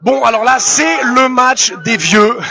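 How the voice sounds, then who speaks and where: A man's voice: very high voice, takes it slowly, vocal fry, noisy background. A man giving casual, chatty live fight commentary, often hesitating as he searches for words. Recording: loud crowd behind commentary.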